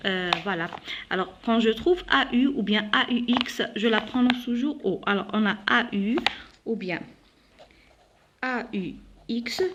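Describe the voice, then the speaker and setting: Slow-speaking teacher woman, repeating words. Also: fairly high pitch, background noise. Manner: slow, drawn-out modeling of words, repeated twice. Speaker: primary school teacher. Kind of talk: phonics lesson. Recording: dull lo-fi video audio.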